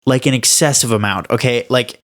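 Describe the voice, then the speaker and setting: A man's voice: medium pitch, fairly quick. A young man co-hosting a podcast, chatting casually and telling stories with emphasis and laughter. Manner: animated, laughing, emphatic storytelling. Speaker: podcast co-host. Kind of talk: casual chat.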